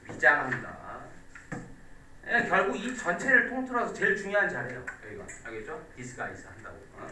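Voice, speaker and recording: Animated male English teacher, echoey classroom. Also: sits high, noisy background. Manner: animated, quizzes students with rapid questions. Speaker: high school English teacher. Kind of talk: exam-prep lecture. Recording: echoey classroom, mic at a distance.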